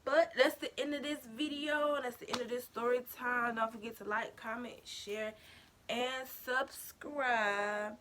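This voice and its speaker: A young woman telling a storytime vlog story in an animated, slangy way, talking straight to her viewers. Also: on the high side, a little slow, noisy background. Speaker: vlogger.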